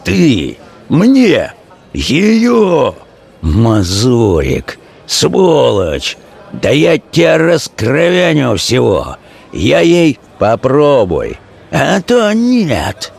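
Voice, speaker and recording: Man doing a hoarse, raging street thug. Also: medium pitch, wildly swooping pitch, drawn-out words, darkish tone, pitched above the performer's own voice, exaggerated voice. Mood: furious.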